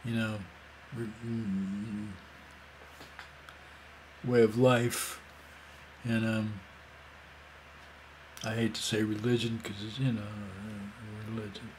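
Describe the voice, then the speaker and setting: A man's voice: fairly low pitch, flat delivery, slow, long pauses, darkish tone, slight background noise. Rambling older man telling a story. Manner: rambling, loose, with many fillers and asides. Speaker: vlogger. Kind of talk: casual storytelling.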